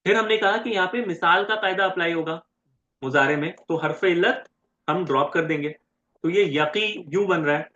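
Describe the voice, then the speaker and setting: A man teaching grammar in a lecture, spelling out syllables slowly and often checking with his students whether they follow. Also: sits high, bright, forceful tone. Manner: keeps checking with "right?" and quizzing students. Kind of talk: classroom lecture. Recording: roomy and dull, lo-fi.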